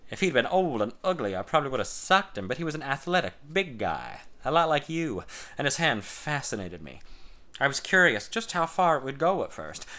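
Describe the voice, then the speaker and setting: A man reads a first-person story aloud. His voice is bright and forceful, and his delivery is measured and intimate. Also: mid-range voice.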